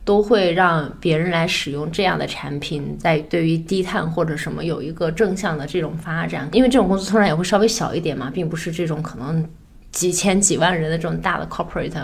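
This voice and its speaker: A woman's voice: sits low, gravelly, slightly rough. A woman chatting casually on a podcast about her marketing work, dropping English work terms into her speech. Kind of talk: casual chat.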